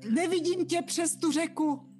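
A man's voice: extremely high pitch, big pitch swings, a little mellow, soft background music. A man voicing a male zombie actor who pleads melodramatically to play the lover. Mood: yearning.

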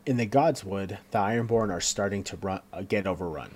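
Male co-host with a lower voice, narrates the action scene by scene, stumbles and restarts. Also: brisk, darkish tone. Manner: reads along with fillers and self-corrections. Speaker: co-host recapping a TV episode. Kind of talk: casual scene-by-scene recap.

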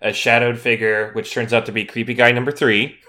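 A man's voice: medium pitch, flat delivery, a little fast, pushed and bright. A man co-hosting a podcast, chatting casually about an episode with frequent stammered restarts. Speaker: podcast co-host. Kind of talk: casual recap chat.

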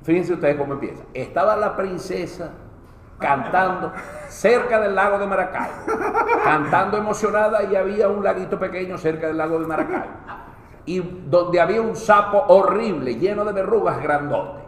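A man with a Venezuelan accent, a comedian telling jokes on a live show, with halting starts. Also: high-pitched. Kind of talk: joke telling. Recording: echoey hall with faint noise.

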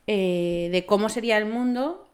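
A woman's voice: mid-range voice, normal speed, a little mellow. A woman from co-hosting a podcast, teasing and joking in casual chat. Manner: playful, teasing. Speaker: podcast co-host.

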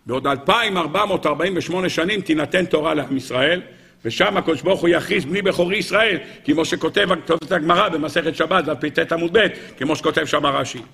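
A rabbi giving an animated Torah lecture, firing rhetorical questions at his listeners. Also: on the high side, vocal fry, husky.

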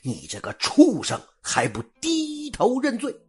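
A man voicing a shrewd middle-aged innkeeper, hearty and forceful. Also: a little high, huge pitch swings, unhurried, slightly rough, faint music behind, exaggerated voice. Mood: stern. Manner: hearty, then stern and scolding.

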